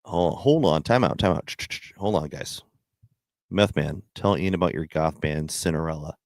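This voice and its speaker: Very deep, gravelly man chatting casually. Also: moderate pace, dry recording, studio quality. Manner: rambling, slangy, profane. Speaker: livestream host chatting with viewers. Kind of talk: casual livestream chat.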